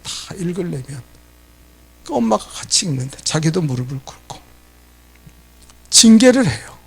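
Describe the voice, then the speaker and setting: Lively gravelly-voiced middle-aged pastor. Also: male voice, high voice. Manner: animated preaching, asks the congregation questions and acts out quoted scolding. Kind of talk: sermon.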